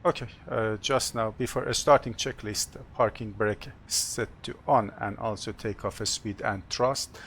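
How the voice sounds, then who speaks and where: Low, gravelly male pilot, non-native English. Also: fairly even intonation, fairly bright tone, a little hiss or hum. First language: not English. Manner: halting, procedural, with short clipped phrases. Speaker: airline pilot, captain. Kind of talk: cockpit procedure narration, checklist callouts and announcements.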